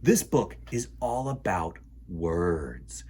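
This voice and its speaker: A man hosting a children's storytime show reads a picture book aloud in a deep, husky voice at a slow pace. He's animated and theatrical, chatting playfully with young listeners, addressing them directly, and tossing in exclamations and gasps.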